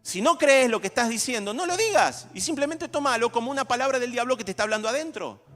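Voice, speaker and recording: A man's voice: very high voice, fast talker. A man, a pastor giving a conversational sermon and acting out everyday dialogues. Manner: animated, acts out everyday dialogues. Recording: reverberant hall with soft music.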